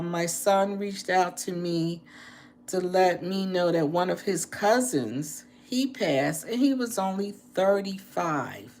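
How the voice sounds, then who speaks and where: A woman in her late sixties chatting casually with live-stream viewers, earnest and heartfelt, repeating phrases for emphasis. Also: on the low side. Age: 60s. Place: indoors, apartment.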